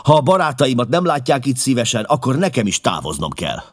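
A man's voice: medium pitch, sing-song, dry recording, studio quality, voice pushed up. A man voicing a resentful middle-aged woman in an audiobook reading, answering curtly and coldly. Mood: defiant.

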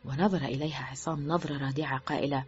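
A woman narrating an audiobook of a novel in a lively, expressive reading. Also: extremely low pitch, rapid-fire, slightly rough. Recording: dull lo-fi with faint music.

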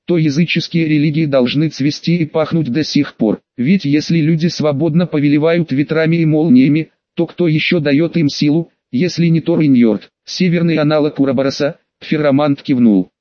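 Guy reading an audiobook, steady measured narration, dry close mic, kinda muffled sound. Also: a little high, no echo. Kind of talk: scripted first-person audiobook narration.

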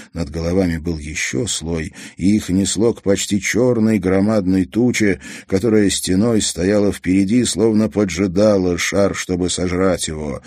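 A man narrating a story in a calm, measured way. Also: deep voice, no room sound. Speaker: audiobook narrator.

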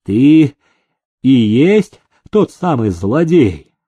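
A man voicing a stern army major who shouts at his prisoners. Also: a little high, wildly swooping pitch, drawn-out words, slightly rough, no echo, dull audio, heavily acted. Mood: angry. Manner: barking, harsh.

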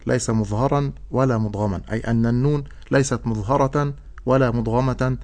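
A man teaching Quran recitation, explaining rules and then reciting example words slowly and drawn out. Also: mid-range voice, steady tone, a little mellow. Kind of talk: tajweed lesson with recited examples.

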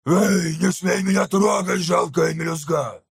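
A hulking ork mechanic, bellows in a gravelly, rasping growl pitched well above the reader's own voice. He drags out his slow, heavy words and shouts them across the chaos. The voice sits back from the mic. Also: fairly even intonation, full character voice. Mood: shouting orders. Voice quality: gravelly, raspy. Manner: barking, shouting in slow drawn-out bursts. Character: brutish gravelly male ork mechanic, loud and bossy.

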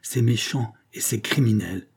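A man's voice: fairly low pitch, measured pace, vocal fry, husky, full character voice. A man doing a furious teenage girl. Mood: bitter. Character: furious sixteen-year-old girl defying her aunts.

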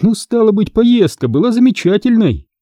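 A man's voice: high voice, big pitch swings, moderate pace, dark tone, no echo, clean studio sound, voice pushed up. A man voicing a cheerful middle-aged aunt who exclaims and scolds fondly in a storybook reading.

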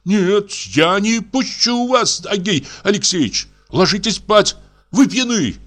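A prim, fussy country doctor, put on by a male reader pleads and scolds in a high, strained voice. His intonation swings up and down with wounded propriety. He is a character from a read-aloud story. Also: animated, slow, fairly bright tone, full character voice. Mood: pleading.

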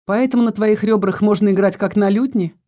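Woman reading as a young husband, teasing, protective, persistent questions, mellow tone, storybook. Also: mid-range voice, fairly quick, natural voice.

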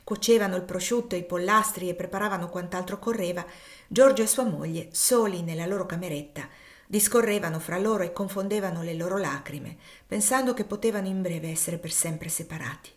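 A woman narrating an audiobook in a steady, clear storytelling manner. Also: on the low side, a little fast. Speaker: reader.

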